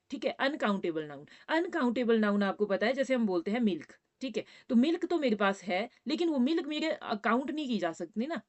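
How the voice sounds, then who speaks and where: Patient woman teaching grammar, fairly high. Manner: patient, repeats points, checks in with "ठीक है"; addresses students as "बेटा". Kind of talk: classroom grammar lesson.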